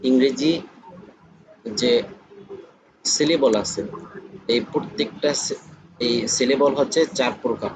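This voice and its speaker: A man teaching a classroom lesson, explaining slowly and repeating each point. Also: medium pitch, noisy background. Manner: slow, repetitive explaining.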